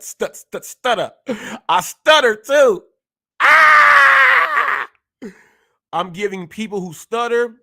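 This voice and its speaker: A man in his forties hosts his own live show, boasting and calling out his critics head-on. He stutters now and then, and his voice sits high while he takes his time with the words. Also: bright, forceful tone. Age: 40s. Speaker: host. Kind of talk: ranting live-stream commentary.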